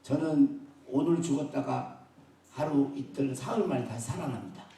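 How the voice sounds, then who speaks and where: A man preaching a sermon as pastor of his church. He swings between loud emphatic bursts and soft asides, and he questions and jokes with the congregation. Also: medium pitch, normal speed, gravelly, far from the mic. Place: church sanctuary. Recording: very echoey hall, voice from afar.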